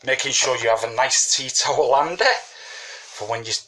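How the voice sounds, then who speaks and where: With some background noise behind him, a man of medium pitch and moderate pace talks through a home brewing recipe at his kitchen table. It's a casual how-to; he's got a cold, sniffles a little, and wanders chattily, repeating "you know what I mean."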